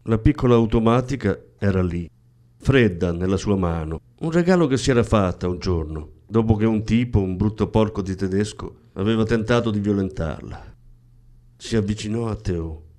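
A man reading a novel aloud in a slow, hushed, measured way. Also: on the low side, animated. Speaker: audiobook reader. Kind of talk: scripted literary narration.

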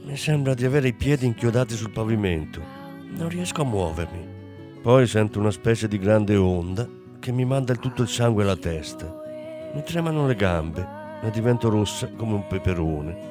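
Animated man reading a storybook. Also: lowish voice, normal speed, over music. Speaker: audiobook reader. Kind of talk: audiobook narration.

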